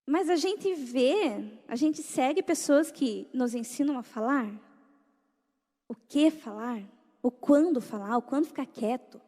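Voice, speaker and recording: High, mellow-voiced woman preaching in a hall. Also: a little slow. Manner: animated, rhetorical questions to the audience. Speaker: speaker at a church gathering.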